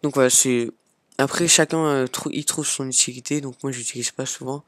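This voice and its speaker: A man casually hosting a software tutorial, chatting along as he clicks and filling pauses with little "hop" and "voilà" sounds. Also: medium pitch, fairly even intonation, no echo, clean studio sound. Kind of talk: casual screen-recorded tutorial.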